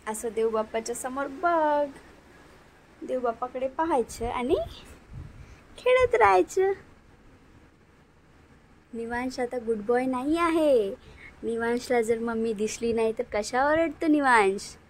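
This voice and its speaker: A woman's voice: on the high side, expressive, a little slow, pauses often, rough recording. A young mother with a Marathi accent, talking in singsong baby talk to her infant at home while she films on a phone. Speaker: mother and vlogger. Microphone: phone camera.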